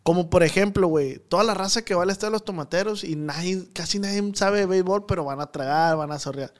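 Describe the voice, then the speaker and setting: A man's voice: sits high, fast. A man from Mexico, hosting a casual podcast chat in a loose, slangy way with lots of fillers and restarts. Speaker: podcast host and comedian.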